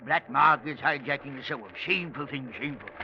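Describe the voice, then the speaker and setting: An actor playing a stuffy, formal older English army captain in a radio drama, pompous and gravelly. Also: male voice, mid-range voice, quick pace, pushed and bright. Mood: stuffy, disapproving. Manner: pompous, hesitant. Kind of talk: mid-century radio drama acting. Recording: muffled old radio recording, faint noise.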